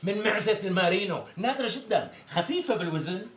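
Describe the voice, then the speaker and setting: Syrian tailor, flowery evasive patter, quick, lively pitch. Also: male voice, a little hiss or hum. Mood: coaxing. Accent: Syrian Arabic. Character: smooth-talking flattering tailor who dodges naming a price. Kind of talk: TV sketch comedy acting.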